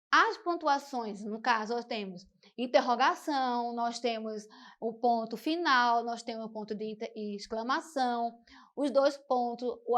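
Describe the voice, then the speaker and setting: Lady teacher on a tv class, high voice, keeps saying então and né. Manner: explanatory, often says "então" and "né". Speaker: Portuguese teacher. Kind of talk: televised school lesson.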